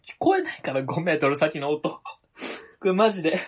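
A man's voice: fairly high pitch, animated, a little fast. A man co-hosting a comedy duo's podcast, teasing his partner with incredulous retorts in casual banter. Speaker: comedy duo co-host.

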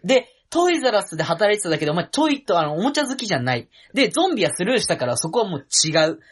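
A young man co-hosting a podcast, bantering casually with quick, teasing retorts. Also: high voice, big pitch swings, breathy edge. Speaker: podcast co-host.

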